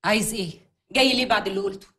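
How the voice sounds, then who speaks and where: An actress with an Egyptian accent playing a sulky young bride-to-be who turns shrill when upset. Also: female voice, racing, bright, forceful tone, slightly rough. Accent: Egyptian Arabic. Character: young woman, sulky fiancée, quick to shout. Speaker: bride-to-be in a comedy film. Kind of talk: Egyptian film comedy acting.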